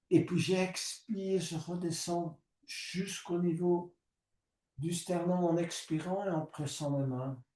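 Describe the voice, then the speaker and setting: A man guiding a yoga class, giving slow, calm step-by-step cues and breathing prompts. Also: a little high, roomy sound, recorded from a distance. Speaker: yoga teacher. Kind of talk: guided yoga class instruction.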